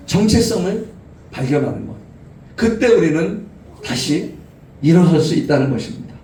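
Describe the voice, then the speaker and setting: A middle-aged pastor preaches to young adults with an animated, storytelling manner. His voice sits high for a man and rings through a roomy hall. He is picked up from a distance, with faint ambience behind him. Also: a little hiss or hum. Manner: animated, acts out quoted voices with laughter. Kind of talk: sermon at a youth retreat. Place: church retreat hall.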